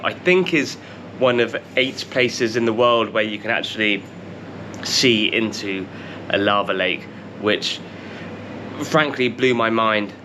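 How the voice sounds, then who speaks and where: Bright-voiced man with W-like R's. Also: lowish voice, slight background noise. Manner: can't pronounce R's, says them like W. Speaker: travel vlogger. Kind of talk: casual, rambling travel advice to camera.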